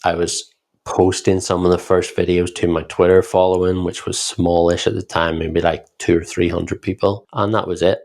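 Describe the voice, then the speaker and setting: Speaking at a moderate pace, this Northern Irish founder and co-host explains his experience in a relaxed, reflective way during a casual podcast chat. His voice is low and gravelly, and he keeps it even, barely rising or falling.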